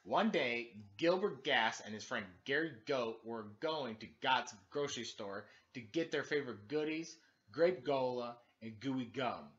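A man in his thirties, playing a teacher, reads a children's storybook aloud with exaggerated, expressive emphasis. His mid-range voice is a little slow, and the recording, made indoors in a living room at home, has its highs cut off.

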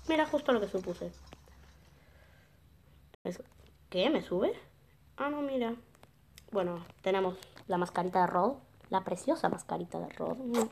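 A woman's voice: on the low side, darkish tone. A woman hosting a gameplay video, chatting casually as she plays and thinking aloud, with sudden surprised exclamations.

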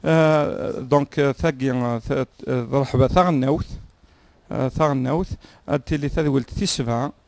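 Fast gravelly man on handheld mic. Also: mid-range voice, darkish tone, no echo. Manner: fast, with many fillers. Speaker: local official. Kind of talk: interview. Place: indoors by a tiled wall.

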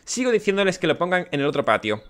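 A man's voice: big pitch swings, quick pace, a bit bright. A man with a Spanish accent voicing a frantic, worried village father who pleads for help finding his lost son. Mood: pleading. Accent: Spain. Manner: pleading, breathless and high-strung.

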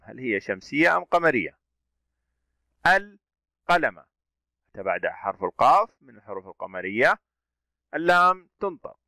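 Male teacher, bright animated delivery, slow letter-by-letter drill, questions and praise. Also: a little high, no room sound. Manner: slow, sounding out letters and vowels one by one; asks questions and praises pupils. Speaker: Arabic teacher. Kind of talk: classroom reading drill.

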